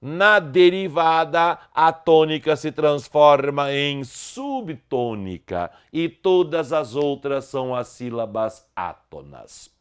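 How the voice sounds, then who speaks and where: Male grammar teacher, fairly high and smooth voice, didactic delivery that spells out syllables. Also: expressive. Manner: didactic, stressing syllables slowly. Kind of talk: online grammar lesson.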